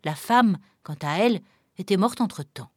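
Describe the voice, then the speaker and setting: A woman narrating a fairy tale in a calm, measured reading with dramatic pauses. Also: medium pitch, breathy edge, no room sound, studio quality. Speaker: storyteller.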